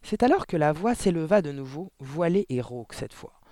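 A man reading a children's novel aloud in an expressive, theatrical storytelling style. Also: a little high, moderate pace, no room sound. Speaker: audiobook reader.

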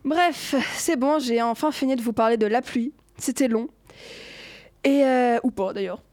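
A woman's voice: a little high, a little slow, a little mellow, no echo. A teenage girl co-hosting a student show, explaining her poem with hesitant, stumbling restarts. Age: teens. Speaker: student co-host.

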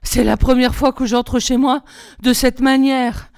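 A woman reading aloud, voicing an eager, cheerful young prince in a lively, raised voice. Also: high-pitched, a little slow, vocal fry, clean tone, voice pushed up. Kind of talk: storybook reading.

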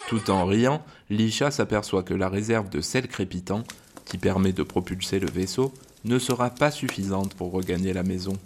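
A man with a low, even voice narrates a children's space adventure. His delivery is gentle and measured, made for young listeners. It is steady scripted storytelling. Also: a little hiss or hum.

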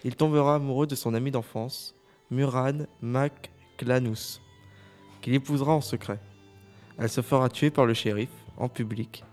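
A man's voice: mid-range voice, fairly even intonation, moderate pace, a little mellow, soft background music. A man reviewing a film, moving between prepared summary and casual discussion.

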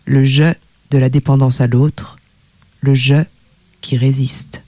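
A man reading a literary synopsis aloud in a measured, poetic way. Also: mid-range voice, little pitch movement, darkish tone, no room sound. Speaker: reader.

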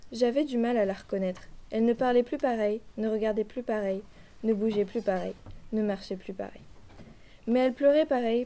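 A woman with a warm, mellow and fairly high voice presents a novel on a radio show. She reads a first-person excerpt aloud in a steady, careful way. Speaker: book columnist.

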